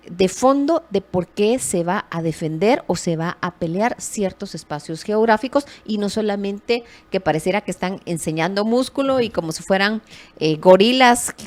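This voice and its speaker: A woman delivering news commentary in a casual, animated way, correcting herself as she goes. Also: medium pitch. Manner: lively, animated emphasis with self-corrections.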